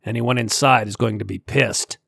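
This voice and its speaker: A man's voice: fairly low pitch, steady tone, moderate pace, vocal fry, fairly bright tone, no room sound, clean studio sound. A man voicing a grumbling salvage crewman. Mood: wary. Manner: grumbling, wisecracking.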